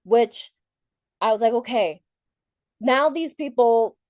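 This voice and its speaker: A conference speaker from Thailand, a native Thai speaker who later moved to the United States, shares her personal story in a candid, informal motivational talk. Her voice is a little high and darkish in tone, animated yet slow, and she reflects conversationally, often rephrasing as she goes. It's a studio-quality recording without echo.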